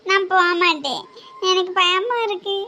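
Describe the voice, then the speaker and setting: A woman's voice: very high-pitched, moderate pace, bright, forceful tone. A woman voicing a small frightened boy who cries and pleads with his mother. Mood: pleading tearful. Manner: whiny, pleading. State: crying.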